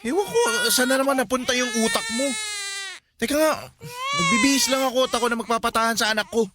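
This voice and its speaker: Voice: high-pitched, very animated, fast talker, heavy background noise. An actor playing a young husband and father in a radio drama, choked up and pleading. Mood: angry, crying.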